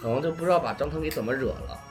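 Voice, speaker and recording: A man's voice: on the high side, very fast, faint music behind. A man co-hosting a podcast, telling a long casual story with many stops and restarts. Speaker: podcast co-host.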